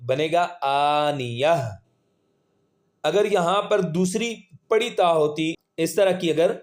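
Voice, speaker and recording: Slow, patient male reading teacher. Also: high-pitched, a little mellow. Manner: slow, patient, drawn-out syllables when spelling. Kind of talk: spelling-out recitation lesson.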